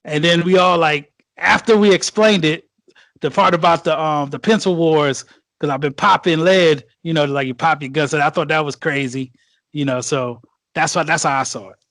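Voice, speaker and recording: A man giving his take in a casual podcast chat, hesitant and halting, with many fillers and restarts. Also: a little high, fairly even intonation, fairly bright tone, no echo.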